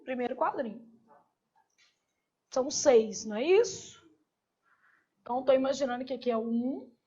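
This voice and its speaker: A woman's voice: sits high, expressive, moderate pace, dark tone, husky, muffled recording. A woman with a Brazilian Portuguese accent teaching an online grammar lesson, asking her students questions and answering them herself.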